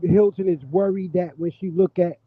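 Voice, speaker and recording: A man calling into a live stream through a muffled, bass-heavy mic, asking questions in halting, repeated phrases. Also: fairly even intonation, slightly rough. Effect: muffled, bass-heavy sound from a poor mic. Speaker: caller. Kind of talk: casual live-stream chat. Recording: muffled, phone-like, dry call line.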